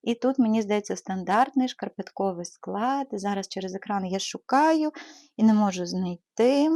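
This knitting channel host from Ukraine speaks at a moderate pace in a warm, medium-pitched voice, recorded at studio quality with no room sound. She casually shows off her knitting supplies in a vlog, often hesitating with fillers and reaching for fond diminutives.

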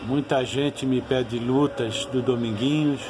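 Brazilian male boxing commentator for a home channel: unhurried, informal and nostalgic, frequent tag questions, over clear background noise. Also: mid-range voice, steady tone. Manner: repeatedly ends phrases with tag questions.

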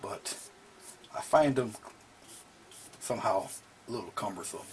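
Working in a small home studio, a middle-aged man teaches painting a little slowly, speaking relaxed and casual as he paints and sinking into murmurs during the brush work. A little hiss or hum runs underneath.

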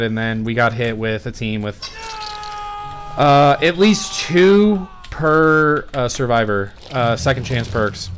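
A man's voice: medium pitch, fairly bright tone, a little hiss or hum. A young man streaming a game, rambling and swearing as he talks to his chat in casual commentary.

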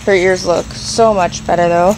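The background is noisy as a young woman films her barn and yard on a handheld phone, moving between the straw-filled indoors and the outdoors. A rabbit keeper and vlogger, she speaks in a lowish, steady voice at a moderate pace. She chats casually and thinks aloud, with lots of ums.

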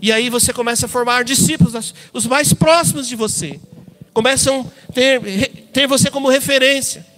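Man, Brazilian Portuguese accent, preacher, storytelling sermon, very high voice, long church reverb. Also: moderate pace, a bit bright, faint music behind. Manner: storytelling, addresses listeners as brothers. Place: church hall.

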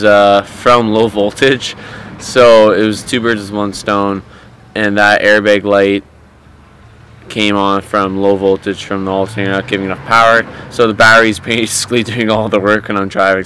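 A man's voice: lowish voice, fairly bright tone, clean tone, poor audio. A man talking casually to camera for his car vlog, rambling and correcting himself as he goes, recorded on a camera-mounted shotgun mic. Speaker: car vlogger.

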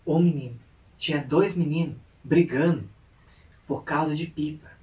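A man tells a story to his vlog audience, animated and acting out engine noises and voices. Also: fairly high pitch, unhurried, recorded from a distance, muffled recording. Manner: animated, acts out sounds and voices. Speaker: vlogger. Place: indoors at home late at night.

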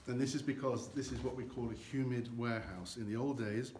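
An older guide gestures with both hands as he explains how cognac ages, standing in a big, dim barrel warehouse with an earthen floor while a camera records from a few meters away. He speaks briskly in a steady, mid-range, slightly mellow voice, with echo and faint noise around him.

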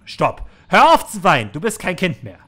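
A cruel, manipulative manager lectures with cold condescension, as read by a man. The voice sits a little high for a man, with a scolding edge. It is game dialogue read aloud in a let's play. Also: sing-song, normal speed. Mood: menacing.

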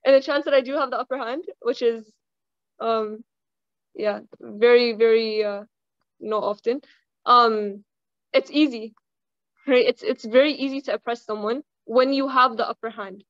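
A young woman giving a casual religious reminder, chatting with the audience, asking them questions and reciting Arabic quickly. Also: a little high, a bit bright, dry recording. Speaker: Islamic reminder speaker. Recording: dull lo-fi dry sound.

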